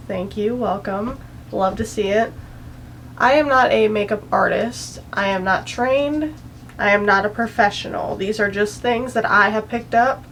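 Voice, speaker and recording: A young woman talks her way through a makeup tutorial at home in a chatty, rambling, self-deprecating way. She sounds anxious and slightly out of breath, and her voice sits at an average pitch. Faint household noise hums behind her. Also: poor audio. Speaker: beauty vlogger.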